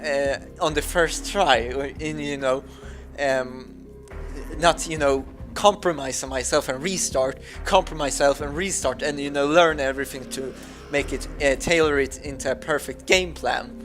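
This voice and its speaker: A young Swedish man, a gaming YouTuber whose first language is Swedish, talks casually over a game in a Swedish accent. His voice sits on the high side and sounds fairly bright, moving at a moderate pace while soft music plays behind him. He's hesitant, full of fillers and restarts.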